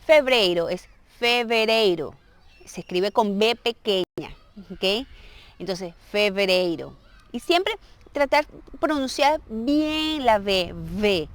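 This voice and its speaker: A woman's voice: fairly high pitch, expressive, slow pace. A woman whose first language is Spanish, giving a casual video lesson and patiently explaining pronunciation, checking understanding with frequent "ok?". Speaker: language teacher.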